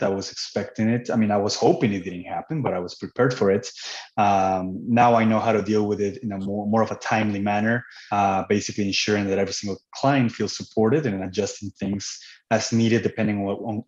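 A man from Mexico talks in a measured, casual way, often pausing on fillers and restarting his sentences. His voice sits fairly low. The recording is roomy and dull, with a lo-fi edge. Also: a little mellow. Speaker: podcast co-host and bodybuilding coach. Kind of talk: casual podcast chat.

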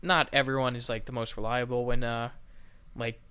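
A man's voice: mid-range voice, level tone, normal speed, bright, forceful tone, smooth, no echo. A man co-hosting a casual podcast, talking in a blunt, teasing way. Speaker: podcast co-host. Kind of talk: casual chat.

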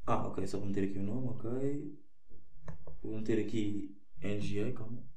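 A man's voice: on the low side, level tone, moderate pace, warm tone, reverberant. A young man with a European Portuguese accent hosting a casual solo podcast, rambling, correcting himself and swearing freely. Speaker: podcast host.

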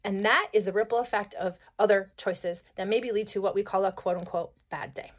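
A woman in her thirties or forties hosts a motivational solo podcast, hoarse from a cold yet brisk and energetic in a mid-range voice. She chats along, peppering her talk with "like" and frequent "right?" The audio is slightly dull and lo-fi.

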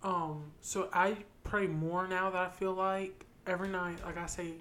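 Young woman co-host, casual chat, low-pitched, rambling. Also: level tone, a little slow, a bit bright. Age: 20s. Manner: rambling, frequent "like" fillers. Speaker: podcast co-host.

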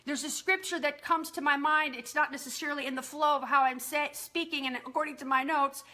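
A woman preacher teaching on prayer in a live-streamed sermon, talking fast and earnestly and quoting scripture. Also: high-pitched, steady tone, pushed and bright.

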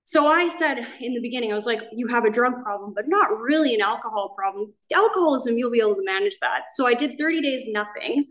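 A woman in her thirties with an American accent shares her story at a recovery meeting in a church hall. She talks candidly and emotionally, slightly nervous, with a fairly high voice. The room around her is echoey. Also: expressive, fast, few pauses, fairly bright tone. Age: 30s. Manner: candid, emotional storytelling with many "I was like" quotes.

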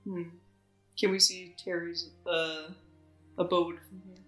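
A woman playing a tabletop game, casual, curious and quick to swear. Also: fairly low pitch, flat delivery, a bit bright, roomy sound, faint music behind. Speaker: player.

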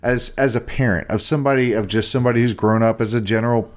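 Blunt, swearing Virginian podcast host. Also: male voice, mid-range voice, steady tone, fast talker. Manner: blunt, swears, poses questions. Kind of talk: casual chat.

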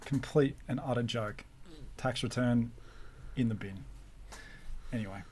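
A man's voice: mid-range voice, unhurried, darkish tone, slight background noise. A young Australian man hosting a racing podcast, casual and cheeky in banter with his co-host. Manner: cheeky, teasing, laid-back banter.

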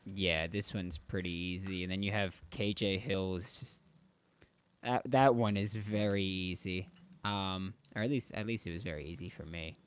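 A man's voice: low voice, steady tone, moderate pace, clear, resonant tone. A man co-hosting a sports podcast, giving opinionated, teasing takes in casual banter.

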